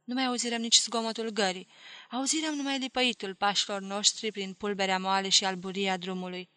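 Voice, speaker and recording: A woman narrating a literary novel aloud in a slow, deliberate, expressive way. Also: mid-range voice, no room sound. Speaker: audiobook reader.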